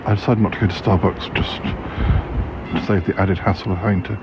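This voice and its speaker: A man in his forties chats informally and hesitantly to podcast listeners while on the move. His voice is low, and the field recording is dull, with loud transport noise all around. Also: fairly even intonation, moderate pace. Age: 40s. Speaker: podcast host. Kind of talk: casual audio diary while travelling. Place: out and about at a station and on a train. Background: loud station and train noise.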